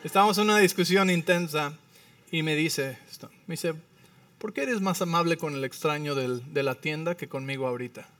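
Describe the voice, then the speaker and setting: A man preaching from the pulpit with a bright, high-pitched voice and a humorous, storytelling delivery that keeps asking the congregation whether they follow. He sounds a bit off-mic, and the room gives back almost no reverb. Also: fairly quick, distant mic. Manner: lively, humorous storytelling with frequent tag questions. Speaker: pastor. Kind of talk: sermon. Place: church sanctuary.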